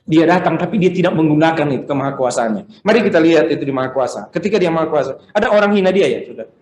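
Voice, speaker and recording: A man preaching a sermon as pastor, telling stories with acted-out dialogue in an animated way. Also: a little high, racing, roomy sound.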